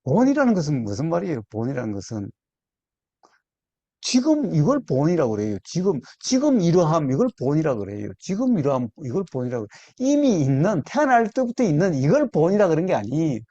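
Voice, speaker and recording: A man teaching Buddhist meditation in a slow, deliberate way, repeating his key words and putting questions to his listeners. His voice is mellow and his pitch moves a lot. The recording is dry and sounds lo-fi. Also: wildly swooping pitch, dry recording. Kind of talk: dharma talk to a small group.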